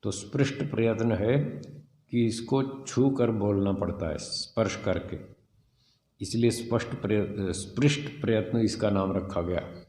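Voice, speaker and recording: Man, slow deliberate lesson, low voice, explains a text line by line. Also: warm tone, roomy sound, long reverb tail. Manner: slow, deliberate, spells out sounds and letters. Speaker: teacher of scripture class.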